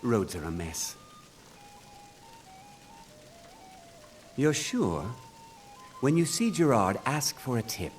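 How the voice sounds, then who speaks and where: An actor playing a wistful, theatrical writer of dramas in a fantasy game. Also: male voice, mid-range voice, a little slow, soft background music. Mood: friendly. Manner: theatrical, expressive. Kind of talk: video game character dialogue.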